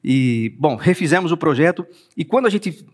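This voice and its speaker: A man's voice: a little high, expressive, normal speed, a little mellow. A man with a Brazilian Portuguese accent giving a conversational talk in a church, presenting his book and speaking straight to the listeners. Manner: conversational, addresses listeners directly. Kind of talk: church talk streamed live.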